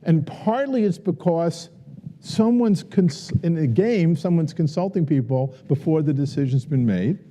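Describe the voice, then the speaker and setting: Male professor, earnest lecture, deep mellow tone, big reverberant hall. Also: a little slow. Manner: earnest, repeats questions for the audience. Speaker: professor giving a symposium talk. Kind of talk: lecture and audience Q&A. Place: university auditorium. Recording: long auditorium reverb.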